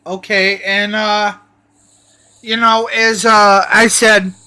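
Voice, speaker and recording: A man's voice: high voice, level tone, bright, forceful tone, clear, resonant tone. A man telling a rambling, profane personal story, repeating himself and stalling often. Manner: rambling, profane, repetitive, halting with fillers.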